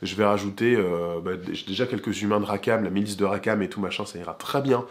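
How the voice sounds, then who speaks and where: Low-voiced man chatting casually. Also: fast. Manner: chatty, informal, talks straight to the viewer. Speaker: board game channel host. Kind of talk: casual game presentation.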